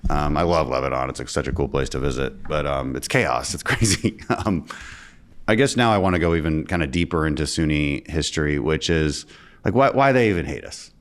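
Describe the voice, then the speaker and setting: A man from the United States hosting a casual podcast interview. His voice sits very low. He talks loosely, with restarts and the odd chuckle. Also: fairly quick. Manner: conversational, stumbling restarts, chuckles. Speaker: host.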